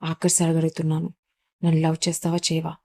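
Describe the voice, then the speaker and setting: A scheming young stepsister, read aloud by a woman narrator who taunts and accuses. The voice sits low and sounds mellow. It is told plainly, like a storybook read aloud. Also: monotone, fast talker. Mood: accusing.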